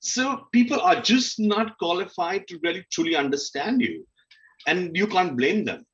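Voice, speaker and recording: A man on a panel speaks at normal speed in a high-pitched, very animated, fairly bright voice, though the audio is dull. His talk is a candid, conversational account of personal experience, informal and full of self-questioning and acted-out inner dialogue.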